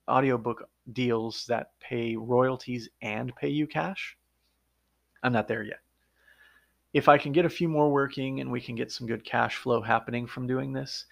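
A podcast host with vocal fry and a medium pitch chats on his own about being an audiobook narrator, laying out the work earnestly and methodically in a conversational tone.

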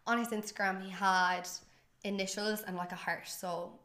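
A woman's voice: mid-range voice, fairly even intonation, moderate pace, sharp tone, echoey room. A woman co-hosting a podcast, telling a dating story in a chatty, casual way full of fillers. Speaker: podcast co-host. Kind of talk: casual chat.

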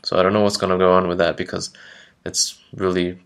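A man's voice: deep voice, flat delivery, brisk, vocal fry, fairly bright tone, clean tone. A young man hosting a podcast, chatting casually in a rambling, laid-back way. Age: young adult. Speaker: podcast host, student.

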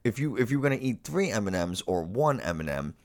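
A man's voice: lowish voice, big pitch swings, fast, darkish tone, no echo. A man from the United States co-hosting a casual podcast, explaining things with joking, sarcastic asides. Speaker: podcast co-host.

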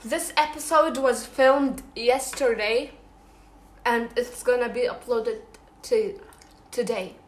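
A woman's voice: on the high side, steady tone, takes it slowly, roomy sound. A young woman chatting casually on her vlog while eating, full of fillers and restarts. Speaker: vlogger.

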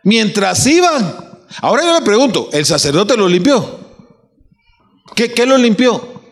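A man preaching. His voice sits fairly high and swings widely in pitch as he fires questions at the congregation and doubles back on his words. The sound carries a long reverb, as if caught in a large church hall. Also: big pitch swings, a little slow, soft background music. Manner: preaching with rhetorical questions and repeated restarts. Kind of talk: sermon.

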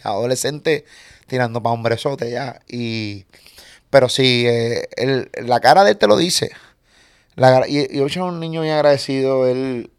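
A man's voice: medium pitch, creaky, no room sound. A man talking candidly and slangily about his teenage son in a casual interview chat.

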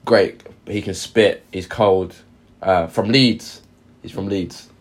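A man's voice: sits low, fairly even intonation, takes it slowly. A man co-hosting a podcast, chatting casually in street slang and often repeating himself. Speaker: podcast co-host.

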